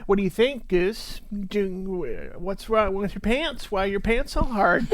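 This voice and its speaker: Higher-pitched man hosting a comedy podcast. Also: very animated, measured pace. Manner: rambling, crude joking banter with mimicked quotes. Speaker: podcast host. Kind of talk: improvised comedy interview podcast.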